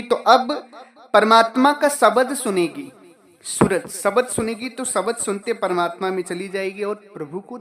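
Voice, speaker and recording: A man's voice: high-pitched, fairly bright tone. A man giving a devotional sermon as a spiritual teacher, repeating key phrases and asking questions that he answers himself.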